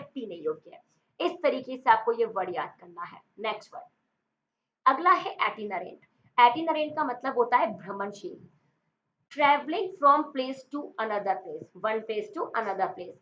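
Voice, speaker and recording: A woman's voice: fairly high pitch, a bit bright. A woman teaching English vocabulary for exam prep in a chatty, playful way, mixing in English words and explaining memory tricks. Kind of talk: online exam-prep lesson. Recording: dull lo-fi recording.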